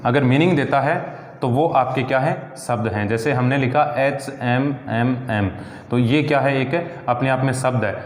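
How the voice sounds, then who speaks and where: A man's voice: medium pitch, normal speed. A male teacher explaining grammar step by step, often checking in with his class and asking rhetorical questions. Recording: echoey room with long reverb.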